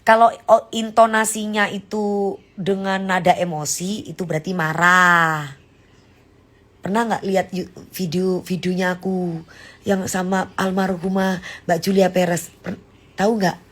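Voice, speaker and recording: A woman's voice: lowish voice, fairly even intonation, unhurried, a bit bright. A woman chatting casually on a phone live stream, explaining slang acted-out examples.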